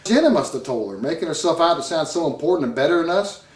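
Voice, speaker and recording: A redneck spills neighborhood gossip at a rapid clip , as a man acts him out. His voice sits a little high and comes from some distance in an echoey room. He talks in folksy, ungrammatical rambles. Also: lively intonation, lightly acted. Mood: scornful. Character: gossiping redneck man in court-ordered therapy. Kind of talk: comedic web series acting.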